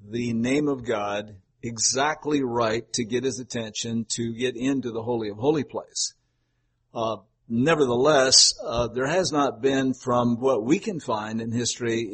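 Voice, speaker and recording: An older man preaching a sermon to his congregation in a conversational, folksy way, wandering into asides and gentle humor. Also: mid-range voice, breathy edge. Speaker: pastor.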